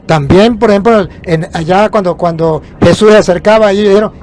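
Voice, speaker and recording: A man preaches with emphasis, his voice sitting higher than most men's. He poses rhetorical questions and answers them himself. A faint rumble of the moving bus hums underneath. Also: fairly quick, a little mellow.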